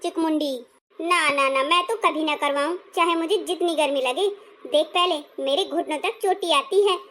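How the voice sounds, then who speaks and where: A woman's voice: sits high, moderate pace, fairly bright tone, a little hiss or hum. A woman voicing a teasing older cartoon neighbour. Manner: teasing, scolding.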